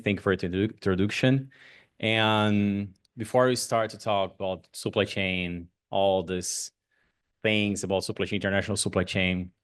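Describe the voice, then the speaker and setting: A deep-voiced man with a Brazilian Portuguese accent speaks at a conference, animated and quick to laugh. His English has non-native phrasing, with Portuguese as his first language. He sounds like a man in his thirties. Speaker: guest speaker. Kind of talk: conference talk.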